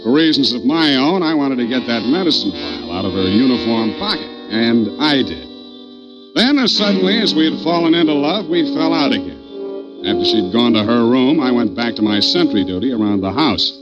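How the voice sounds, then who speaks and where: An actor playing a hard-boiled private detective in a 1940s radio drama, narrating in a dry, terse way. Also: male voice, mid-range voice, big pitch swings, moderate pace, natural voice. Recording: dull old radio recording with music.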